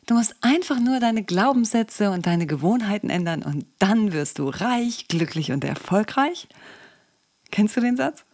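A woman's voice: medium pitch, lively intonation, unhurried, darkish tone, no room sound, clean studio sound. A woman coach and psychologist hosting a podcast, talking casually and asking the listener questions. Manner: conversational, asks the listener questions.

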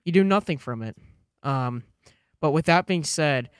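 A man's voice: fairly high pitch, expressive, a little slow, clean tone, no room sound, clean studio sound. Hungover young man, casual podcast chat. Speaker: podcast co-host.

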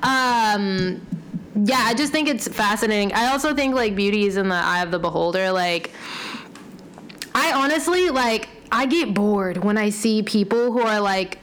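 A woman's voice: mid-range voice, normal speed, fairly bright tone, low-quality recording. A young woman in casual chat, rambling with many fillers and casual swearing.

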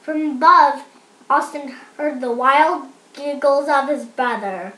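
A young woman narrating a children's storybook as a podcast host, reading with lively character voices. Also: high voice, slow pace, reverberant, heavy background noise.

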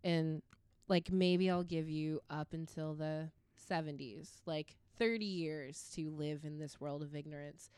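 Lady cohost reading notes then joking around, smooth lowish voice, dry sound. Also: fairly even intonation, unhurried, hardly any pauses, dark tone, no echo. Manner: reads notes, then jokes and swears. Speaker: podcast co-host. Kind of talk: casual chat reading notes aloud.

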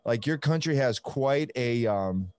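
Speaking a little slowly, the young Italian podcaster has a mid-range, darkish, clean voice with lively intonation. He keeps the casual interview rambling and upbeat, filling it with fillers in his Italian accent.

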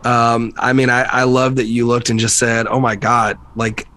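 A man's voice: medium pitch, level tone, normal speed, sharp tone. A man hosting a podcast, interviewing a guest with enthusiasm and lots of stumbling repetitions. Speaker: podcast host. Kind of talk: casual interview chat.

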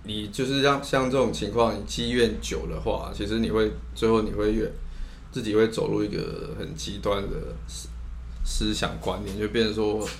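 A man's voice: lowish voice, steady tone, moderate pace. A man with a Taiwanese accent co-hosting a casual advice chat, often repeating and rephrasing himself. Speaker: co-host. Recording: noticeable background noise.

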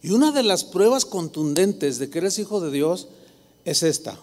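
Mexican pastor, man, lively sermon delivery with acted asides, higher voice, echoing church hall. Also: normal speed. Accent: Mexican Spanish. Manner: animated preaching, mimicking voices of congregants. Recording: long hall reverb.

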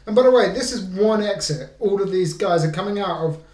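Sarcastic man, high-ish voice, echoey room. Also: fairly quick, darkish tone, far from the mic. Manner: dry sarcastic jokes, sweary. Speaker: podcast co-host. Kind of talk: casual film review chat. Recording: roomy echo.

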